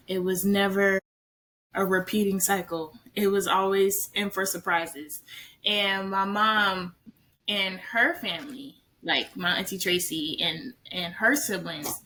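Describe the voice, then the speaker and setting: A woman in her early twenties, a podcast guest, talking casually in a relaxed, friendly way. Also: medium pitch. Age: 20s. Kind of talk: casual conversation.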